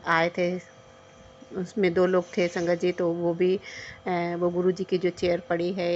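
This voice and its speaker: A middle-aged woman tells the congregation about her devotional experiences, earnest and full of pauses and restarts. Her voice sits a little low and stays flat in tone. The recording sounds slightly dull and lo-fi. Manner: hesitant, many fillers and restarts. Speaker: devotee sharing a testimony.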